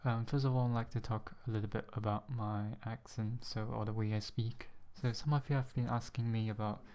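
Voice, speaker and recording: This young man from Singapore hosts an ASMR channel and here vlogs casually to camera through a USB desk microphone. His voice sits on the low side with a warm tone and fairly even intonation, and his Singaporean-influenced English is carefully articulated. He's hesitant, slightly nervous, and fills pauses with lots of ums.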